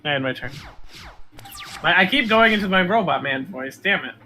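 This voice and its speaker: A man chatting playfully while playing a card game with friends, now and then shouting attack calls. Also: high voice, animated, moderate pace, faint music behind. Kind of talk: casual gaming chat.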